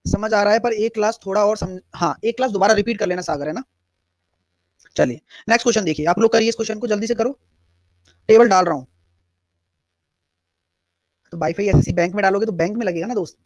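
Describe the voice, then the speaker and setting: Teaching a live online math class, a man with a Hindi-English accent explains each step and responds to questions from the student chat. His voice sits high and he talks fast, though he leaves long pauses. There's no echo.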